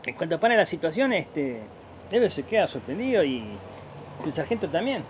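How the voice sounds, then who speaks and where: A man's voice: on the high side, big pitch swings, moderate pace, a little hiss or hum. An Argentine man telling a gaucho folk tale aloud, rambling with restarts and spoken sound effects. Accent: Argentine Spanish. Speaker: storyteller.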